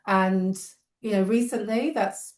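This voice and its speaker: This is a woman in her fifties from England, a charity guest whose London accent carries a slight Northern edge. She speaks slowly in a mid-range, slightly mellow voice, giving thoughtful, reflective interview talk in long runs, and the sound is roomy.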